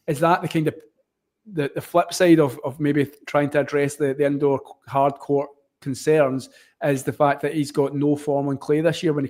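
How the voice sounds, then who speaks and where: Male sports stream host, broad Scottish accent, slightly higher-pitched voice, casual and hesitant, wordy live commentary. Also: dark tone. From Scotland. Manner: hesitant, wordy, often rewording mid-sentence.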